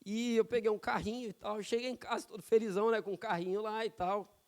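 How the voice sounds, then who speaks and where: Brief: male pastor from São Paulo, high and clear, chatty storytelling sermon. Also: fairly even intonation, fast talker. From São Paulo, Brazil. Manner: conversational, personal storytelling with frequent tag questions. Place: church sanctuary.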